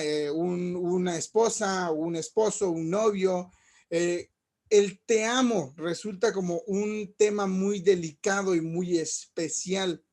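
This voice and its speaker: A man's voice: sits high, darkish tone. A man lecturing as a teacher, explaining with everyday examples and checking in with rhetorical questions. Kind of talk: recorded class lecture.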